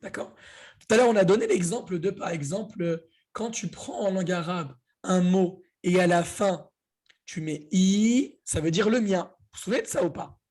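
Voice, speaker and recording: A man teaching an online Arabic class, lively, often checking the students follow. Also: high voice, normal speed, slightly rough. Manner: lively, repeats key points, asks "d'accord?".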